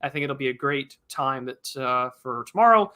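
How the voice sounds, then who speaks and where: A man's voice: medium pitch, expressive, moderate pace, pushed and bright. A man co-hosting a casual live stream chat, rambling and joking with lots of fillers and restarts. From United States. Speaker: podcast co-host.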